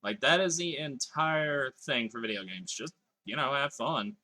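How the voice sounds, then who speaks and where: Speaking a little slowly with a sharp tone, a man with a mid-range voice livestreams a game. He's chatty, reads his chat aloud, and curses now and then.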